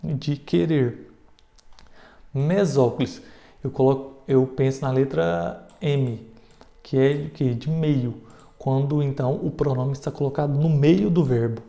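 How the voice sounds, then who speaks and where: Gravelly Brazilian man teaching casually. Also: mid-range voice, unhurried, mellow, reverberant. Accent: Brazilian Portuguese. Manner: informal, self-deprecating, checks in with "né?" and "tá?". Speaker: exam prep teacher. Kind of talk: casual screen lesson.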